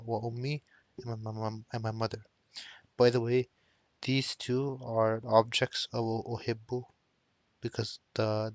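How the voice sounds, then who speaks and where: This Arabic teacher works from a textbook, reading a line aloud, giving its translation, then walking through the grammar with patience. His voice sits mid-range, he often restarts what he's saying, and there's no echo.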